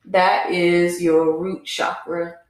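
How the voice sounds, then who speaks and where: A woman podcast host and Reiki teacher, guiding listeners through slow breathing and then giving an encouraging talk. She often ends her sentences with "right?" and gets more emphatic as she encourages. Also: on the low side, level tone. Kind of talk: guided breathing exercise and motivational talk.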